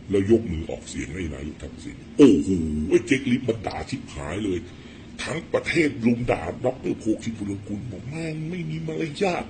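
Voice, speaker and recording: A middle-aged man giving blunt, rough-spoken political commentary in a casual storytelling monologue. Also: on the low side, a little mellow, a little hiss or hum.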